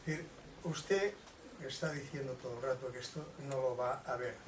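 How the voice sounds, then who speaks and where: A man moderating a neighborhood meeting, speaking in a measured and slightly hesitant way. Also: mid-range voice, over a noisy crowd. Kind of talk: public talk. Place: neighborhood association hall. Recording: roomy echo, distant mic, noise.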